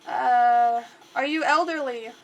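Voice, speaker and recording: A congested woman livestreams gameplay, chatting casually and rambling while she talks aloud to the game. Her voice is fairly high and slow-paced. There's slight background noise.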